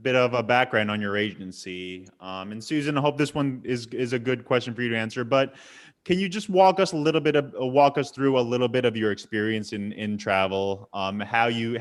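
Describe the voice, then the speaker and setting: A man hosting an online webinar interview, framing long loose questions and often repeating words as he goes. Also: medium pitch. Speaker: webinar host.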